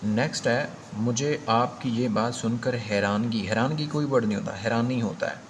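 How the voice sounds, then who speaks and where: A man's voice: mid-range voice, moderate pace, a little hiss or hum. A man with a Pakistani accent teaching an exam prep grammar lesson, explaining step by step and repeating key points with emphasis.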